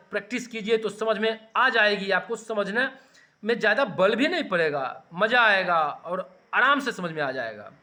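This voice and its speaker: A man teaching a grammar lesson, slowly sounding out letters and urging students to practise saying them. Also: high voice, pushed and bright. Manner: slow, deliberate, sounding out letters for students to repeat.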